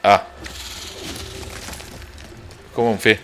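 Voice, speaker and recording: A man's voice: extremely slow, fairly bright tone, a little hiss or hum. A man streaming a video game live, chatting casually, swearing now and then and greeting viewers as he plays. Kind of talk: casual live gameplay commentary.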